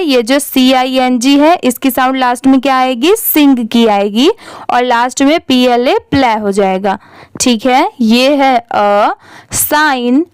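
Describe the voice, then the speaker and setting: A woman's voice: high-pitched, smooth, no room sound. A woman teaching English reading, spelling words out letter by letter and patiently asking how each is read. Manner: patient, repeats "what will we read it as?" questions. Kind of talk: Hindi-language phonics lesson, spelling words letter by letter.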